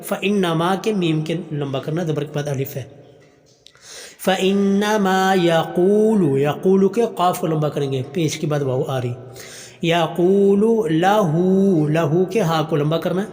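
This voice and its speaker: A man teaching Quran pronunciation, chanting verses slowly and melodically, then explaining each letter quickly in plain speech. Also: a little high, a little mellow, in a large hall. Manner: slow melodic recitation alternating with quick explanation.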